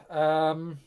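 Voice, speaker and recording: A man's voice: on the high side, darkish tone, clean tone. A man with a British accent hosting a casual tech live stream, chatty and rambling, often breaking off with fillers and restarts.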